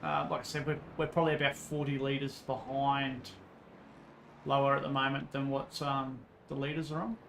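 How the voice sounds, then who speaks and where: A man's voice: medium pitch, little pitch movement, normal speed, vocal fry, fairly bright tone, poor audio. A man with an Australian accent casually commentating on a livestream in a laid-back, blokey, matey way. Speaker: livestreamer racing in an online endurance sim race. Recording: some background noise.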